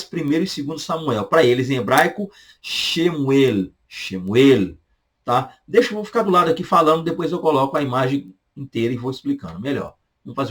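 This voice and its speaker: Man drilling Hebrew book names slowly. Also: mid-range voice. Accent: Brazilian Portuguese. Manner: drills terms slowly, repeating each word. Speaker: Bible teacher. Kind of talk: online Bible lesson.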